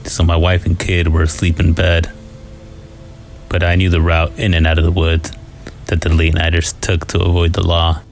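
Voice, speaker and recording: A man reading a scripted first-person scary story in a low, haunting, somber manner. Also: completely flat delivery, moderate pace. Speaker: horror story narrator. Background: music.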